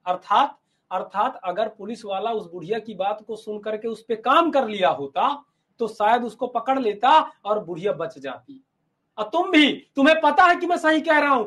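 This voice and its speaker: Male teacher with a notably high voice. Lively storyteller who repeats lines for emphasis. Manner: animated storytelling, repeats phrases. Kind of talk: storytelling to students in a lesson.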